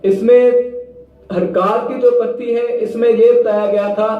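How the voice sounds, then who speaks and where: A man teaching Quran reading, slowly spelling out syllables and chanting them in drawn-out tones between plain explanations. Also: very high-pitched, fairly even intonation, very echoey, dull audio. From Pakistan. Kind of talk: slow spelled-out recitation lesson.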